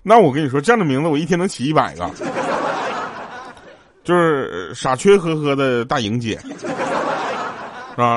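Male comedy host, laughing through quick anecdotes, acts out characters, faint hiss behind. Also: medium pitch. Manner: chuckles often while telling jokes; quotes characters in raised, lively voices. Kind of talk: joke-telling comedy chat.

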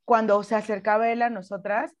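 A young woman with a Mexican Spanish accent, co-hosting a casual podcast chat and telling animated stories with acted-out quotes. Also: medium pitch, fairly quick, lo-fi sound. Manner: animated storytelling, acts out quotes. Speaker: podcast co-host.

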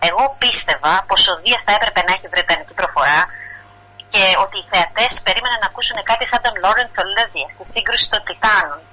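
Bright-voiced chatty woman correspondent. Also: medium pitch, expressive, poor audio. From Greece. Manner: chatty, many fillers and restarts. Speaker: correspondent reporting from Greece. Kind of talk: casual radio chat on culture news.

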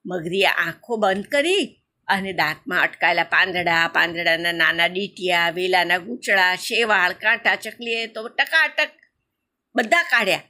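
A woman narrating a children's story in a lively, expressive way. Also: fairly low pitch, a little slow.

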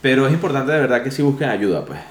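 A man's voice: mid-range voice, very animated, fast. Give me a man co-hosting a casual podcast, joking then earnest, recorded in an echoey room. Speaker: podcast co-host.

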